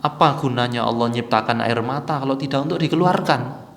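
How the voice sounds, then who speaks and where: A man preaching in a religious study session with an East Javanese accent, lively and acting out quoted voices as he teaches. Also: mid-range voice, fairly quick, vocal fry, big-room sound. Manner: animated, mixes Javanese with Indonesian, acts out quoted mourners.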